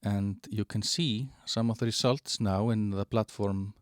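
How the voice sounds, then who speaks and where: Low, dry-sounding man presenting a platform. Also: steady tone, no room sound. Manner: halting, many fillers and restarts. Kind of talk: screen-share product walkthrough.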